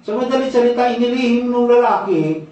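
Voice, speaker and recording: A high-pitched man preaches in a church, heard from well back in a very reverberant hall. The sound is dull and muffled. He repeats phrases and keeps checking in with a questioning "no?". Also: expressive, a little fast, darkish tone. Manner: storytelling, repeats key phrases. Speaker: pastor. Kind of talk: sermon. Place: church sanctuary, indoors. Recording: very echoey hall, distant dull mic.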